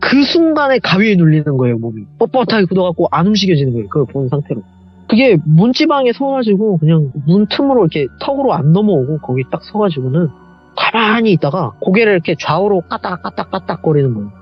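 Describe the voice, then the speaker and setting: A man telling a true horror story at a quick clip, his pitch rising and falling a lot as he acts out each voice. His voice is a little husky and sits on the higher side. The sound is slightly dull, with faint music underneath. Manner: animated, acts out quoted voices. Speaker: guest storyteller.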